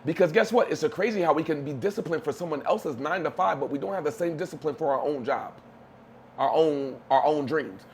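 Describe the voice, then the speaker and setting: A man's voice: a little high, brisk, a little mellow, slight background noise. A man giving emphatic, preachy motivational talk on a podcast, using street slang. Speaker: podcast co-host.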